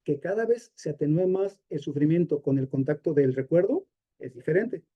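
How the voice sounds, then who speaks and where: A man's voice: a little high, animated, moderate pace, lo-fi sound. A man with a Mexican accent teaching a live workshop on grief, talking in a conversational way with many fillers and personal examples. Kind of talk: live masterclass lecture.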